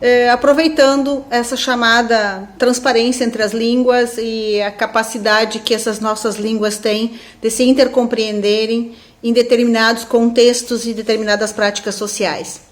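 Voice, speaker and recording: Speaking at normal speed with hardly any pauses, a woman with a southern Brazilian accent keeps her high-leaning voice fairly flat in pitch. The university professor reflects aloud in a relaxed webinar talk, peppering it with tag questions that invite agreement.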